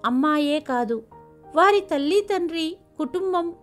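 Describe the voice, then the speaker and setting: A woman's voice: very high voice, expressive, a little slow, soft background music. A woman voicing a caring middle-aged mother who pleads with and scolds her son. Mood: hurt scolding.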